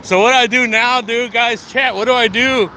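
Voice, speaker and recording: A man's voice: very high voice, fairly even intonation, normal speed, bright, forceful tone, rough recording. A man livestreaming as he walks along a city street, joking and swearing as he talks straight to his chat. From United States. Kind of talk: casual walk-and-talk livestream. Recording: street traffic noise. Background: traffic and street noise.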